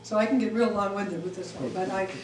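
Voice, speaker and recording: Speaking quickly in a medium-pitched, slightly mellow voice, this Swiss-raised middle-aged woman presents a talk and answers questions from the audience, often saying um and starting over. The recording sounds echoey and distant, with a little background noise.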